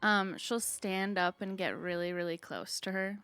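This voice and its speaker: Bright-voiced, giggly woman player. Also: medium pitch, a little slow, smooth, no room sound, soft background music. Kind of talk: tabletop game chat.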